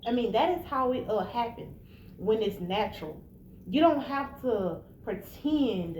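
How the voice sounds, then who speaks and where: An American woman of about thirty-one delivers blunt, casual, emphatic relationship advice straight to the listener in an informal monologue. Her voice sits in the mid range with a darkish tone, recorded in an echoey room with faint background noise.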